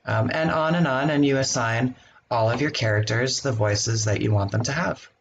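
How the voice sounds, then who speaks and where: Man calmly explaining software step by step. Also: medium pitch, moderate pace, dull audio, slight background noise. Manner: relaxed step-by-step explaining with ums. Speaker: software tutorial host. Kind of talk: screen-recorded software walkthrough.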